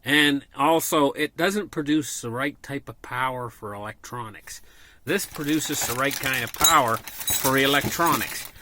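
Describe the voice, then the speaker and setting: A man's voice: mid-range voice, a little slow, sharp tone, a little hiss or hum. A man giving a casual, unscripted product walkthrough from inside a small camper trailer, talking in a folksy way and often restating his points. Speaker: vlogger presenting a product unboxing.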